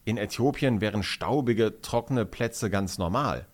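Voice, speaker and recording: A man's voice: fairly low pitch, unhurried. A man reading aloud, voicing a caring, curious schoolgirl who asks thoughtful questions. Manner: inquiring, concerned.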